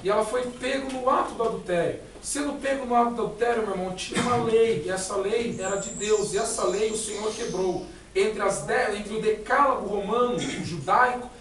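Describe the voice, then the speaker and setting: A man's voice: high voice, fairly bright tone, very echoey, distant mic, a little hiss or hum, low-quality recording. A male missionary preaching a sermon, retelling Bible scenes with quoted dialogue and calling his listeners brother.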